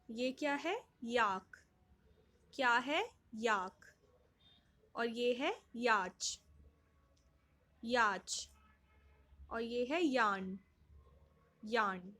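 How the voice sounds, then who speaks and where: A woman teacher giving an online lesson to young children, slow and patient, repeating each question and answer, with an Indian English accent. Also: a little high, a bit bright.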